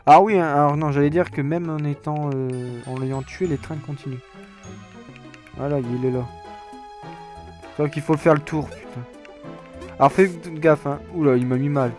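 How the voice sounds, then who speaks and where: A man's voice: on the high side, fairly even intonation, normal speed, pauses often, darkish tone, faint music behind. A man with a French accent hosting a let's play, giving casual game commentary full of crude jokes and swearing. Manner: crude, joking, swearing banter.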